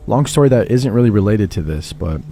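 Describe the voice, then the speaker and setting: Low, dark-voiced male horror narrator. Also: brisk, soft background music. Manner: steady first-person storytelling. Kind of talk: scripted horror story narration.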